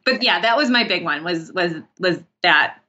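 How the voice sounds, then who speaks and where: Through a muffled recording comes a lowish female voice at normal speed. She's an interview guest in a casual chat, spinning rambling, animated stories studded with "like" asides.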